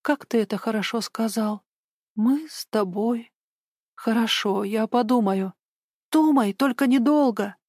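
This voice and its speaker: A woman's voice: on the high side, unhurried, darkish tone, no echo, studio quality. A woman voicing a tearful, frightened woman who mumbles and hesitates. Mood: touched.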